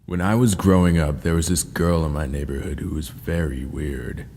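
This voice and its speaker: A man narrating scary first-person stories in a slow, ominous storytelling manner. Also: rumbling low, steady tone, darkish tone. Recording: long reverb with faint ambient noise.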